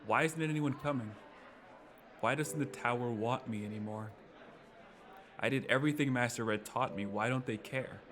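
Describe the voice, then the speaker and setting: A man's voice: medium pitch, moderate pace, pauses often, natural voice. A man reading as a forlorn hungry young witch girl.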